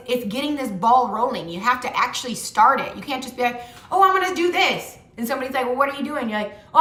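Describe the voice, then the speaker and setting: A woman's voice: high-pitched, a bit bright. A young adult woman giving a tarot reading in a blunt, pushy way, swearing freely and ending points with "okay?". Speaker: tarot reader and motivational vlogger. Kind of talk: casual tarot reading talk. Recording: echoey room.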